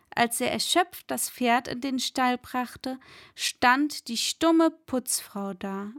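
Woman narrator, higher voice, slow measured storybook reading. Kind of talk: read-aloud story narration.

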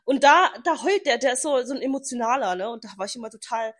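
Animated young woman telling a story. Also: a little high, fast. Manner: animated storyteller, acts out quoted dialogue, laughs often. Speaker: podcast co-host. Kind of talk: casual chat.

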